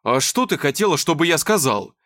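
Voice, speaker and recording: A man playing a desperate young firefighter who shouts and pleads. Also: on the high side, sing-song, a little fast. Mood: shouting.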